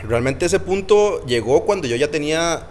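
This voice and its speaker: A man's voice: fairly high pitch, expressive, moderate pace, a little hiss or hum. A Costa Rican man, a doctor and podcast guest, talking casually with many fillers. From Costa Rica. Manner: hesitant, many fillers and tag questions. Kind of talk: casual interview chat.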